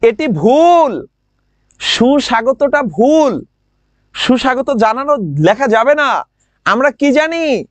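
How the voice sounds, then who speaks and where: A man with a regional Bangladeshi lilt teaching a grammar class online. He drills words by saying them slowly again and again and keeps asking his students questions. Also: very high-pitched, very animated, no echo. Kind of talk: online admission-prep class.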